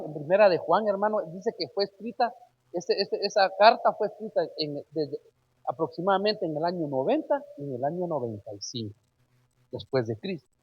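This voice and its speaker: A husky, fairly high-pitched man preaching an emphatic sermon. He calls out to his listeners as brother and fires rhetorical questions at them. The recording sounds dull and lo-fi.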